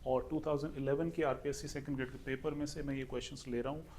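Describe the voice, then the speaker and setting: Indian guy teaching english exam prep, goes step by step and says things twice, mid-pitched voice. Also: steady tone, fast, a little mellow, a little hiss or hum. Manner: repeats points, walks through a question step by step. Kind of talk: exam-prep lesson explaining pronunciation.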